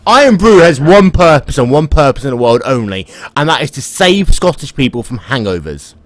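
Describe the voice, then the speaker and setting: A man's voice: mid-range voice, big pitch swings, moderate pace, no echo. A man co-hosting a podcast in a casual, joking, playful way, speaking into a desk microphone. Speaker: podcast co-host. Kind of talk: casual chat.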